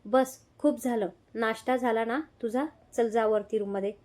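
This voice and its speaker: Lady reading as a bossy old grandma in an audio story, gives orders, slightly high voice. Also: fairly even intonation, moderate pace, a little mellow, lightly acted. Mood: stern. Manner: commanding. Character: stern old grandmother, head of family.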